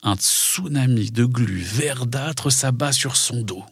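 A man's voice: mid-range voice, slow pace, slightly rough, no echo, clean studio sound. A man narrating a scripted dramatic story for children.

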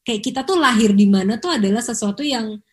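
A young woman, co-hosting a podcast in casual, animated chat. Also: fairly high pitch, a little fast. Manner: chatty, animated storytelling with Jakarta slang. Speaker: podcast co-host.

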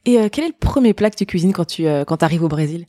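A woman's voice: on the low side, lively intonation, quick pace, warm tone, no room sound, clean studio sound. A woman hosting a podcast, asking questions in a friendly way with hesitant fillers and light laughs. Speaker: podcast host. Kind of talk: interview questions.

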